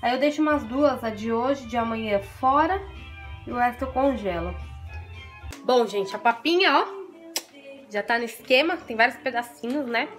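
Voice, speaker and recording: A woman's voice: on the high side, expressive, moderate pace, long pauses, a bit bright, faint music behind. A woman with a Brazilian accent, a mother chatting casually to her viewers in a home vlog while cooking and doing chores. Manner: chatty, often addresses viewers as "gente". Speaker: vlogger and mother.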